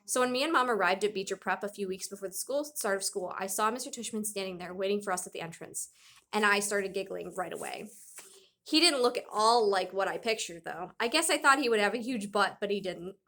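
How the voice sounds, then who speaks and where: A woman's voice: medium pitch, brisk, a bit bright. Woman reading a novel aloud. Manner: plain, conversational storytelling with small restarts. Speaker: read-aloud narrator.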